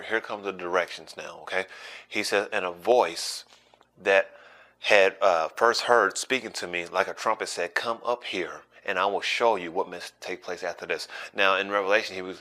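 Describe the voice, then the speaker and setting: Pastor guy preaching, kinda low voice but bright and punchy, repeats stuff to drive it home. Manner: emphatic, repeats phrases for stress. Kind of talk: sermon.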